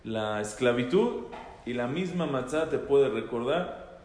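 A man's voice: mid-range voice, animated, a little slow, a little mellow. A man, teaching an informal religious class to a group. He talks conversationally, repeats phrases for emphasis and asks his listeners questions. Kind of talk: informal Torah talk to a group. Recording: echoey hall with long reverb.

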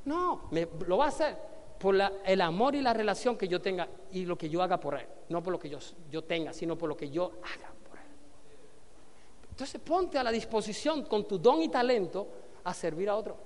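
A network marketing trainer with a high, animated voice speaks at a moderate pace in a room with a big sound. Leading a motivational business seminar, he preaches and calls on the audience to answer questions and repeat his lines.

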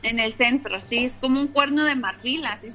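A woman's voice: sits high, normal speed, pushed and bright, faint music behind. A woman tells a personal story as an interviewee, rambling and repeating words with many fillers.

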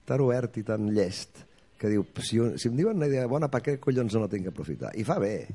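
A comic actor, telling earthy, swear-filled anecdotes in a casual interview and acting out quotes. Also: male voice, fairly low pitch, expressive, brisk, warm tone, husky.

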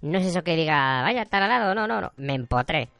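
A man playing a boastful, silly male dark wizard lord, rambling and joking in a comedy sketch interview. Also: fairly high pitch, expressive, fairly quick, creaky, clear, resonant tone, no room sound, soft background music.

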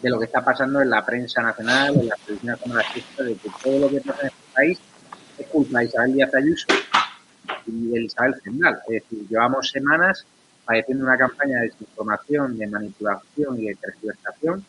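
A man with a Spanish accent from Spain hosting a political panel, brisk and indignant as he hands off between guests. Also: mid-range voice, noisy background. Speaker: talk show host.

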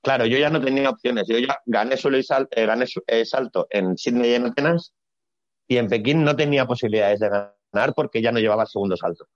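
A man, a retired gymnast explaining his career in a relaxed, blunt, colloquial way during a casual interview. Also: medium pitch, quick pace, dry recording. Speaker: retired Olympic gymnast, guest. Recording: dry, slightly dull sound.

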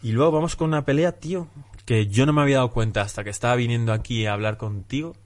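A man hosting a podcast, analyzing MMA fights in an animated, casual way. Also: mid-range voice, fast, no room sound. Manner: animated, retells fights with acted-out quotes. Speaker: podcast host.

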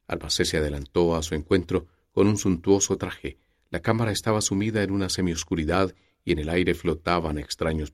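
A man with a very low, deep voice reads a historical novel aloud, his pitch moving expressively. The sound is close and dry, with no room around it. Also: a little mellow, no echo. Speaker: audiobook narrator. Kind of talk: scripted narration.

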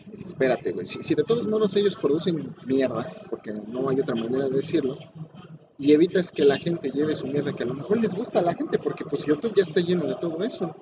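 A man's voice: a little high, lively intonation, brisk. A Mexican man with a casual, opinionated, foul-mouthed way of ranting in heavy slang. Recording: muffled lo-fi audio, clear vehicle noise.

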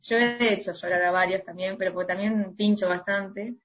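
A woman's voice: medium pitch, fairly even intonation, moderate pace, fairly bright tone, muffled recording. Chatty Argentine woman singer. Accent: Argentine Spanish. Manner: chatty, laughs often, filler-heavy. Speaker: independent singer, guest. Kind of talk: casual interview chat.

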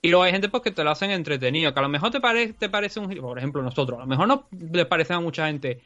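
A man's voice: fairly high pitch, expressive, racing, pushed and bright, dull audio. Fiery Andalusian man ranting. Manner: profane, heated ranting. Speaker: podcast co-host. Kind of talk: casual chat.

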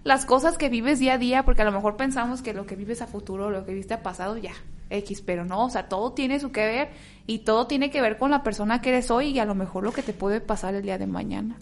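A reflective woman guest who talks things through slowly in casual conversation. Her voice is on the high side, and she thinks aloud with plenty of fillers. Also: steady tone. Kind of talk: casual chat.

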